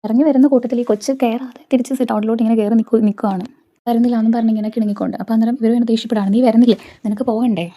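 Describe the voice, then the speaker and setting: Rapid-fire woman retelling a TV serial. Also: fairly high pitch, steady tone, mellow. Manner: retells scenes acting out the dialogue in quick bursts. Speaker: serial episode recapper. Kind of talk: casual spoken recap of a TV serial.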